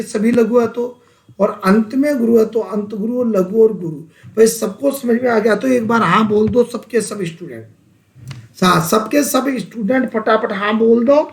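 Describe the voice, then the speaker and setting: A man from India runs an exam-prep Sanskrit lesson in a notably high voice, quizzing his students over and over and supplying the answers himself. The sound carries a strong room echo. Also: darkish tone. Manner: drills students with repeated call-and-response questions. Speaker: Sanskrit teacher.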